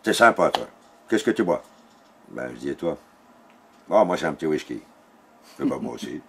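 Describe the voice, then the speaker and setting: Homme âgé à l'accent belge, conteur animé, voix grave qui monte et descend beaucoup. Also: male voice, very deep voice, normal speed, slight background noise. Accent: Belgian French. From Belgium. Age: older. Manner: animated storyteller who acts out dialogue. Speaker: interviewee. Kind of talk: casual storytelling interview.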